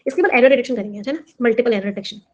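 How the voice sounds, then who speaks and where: A woman's voice: on the high side, rapid-fire, mellow, highs cut off. Quizzing woman teacher. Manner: explains in Hindi mixed with English, quizzing students. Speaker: English teacher for exam prep. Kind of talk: classroom lesson.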